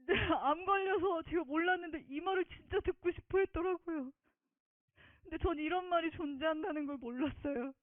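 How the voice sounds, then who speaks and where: A woman's voice: very high voice, a little fast, no room sound. A woman giving an earnest, emotional personal faith testimony, often close to tears. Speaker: testimony speaker. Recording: tinny phone-like dry sound.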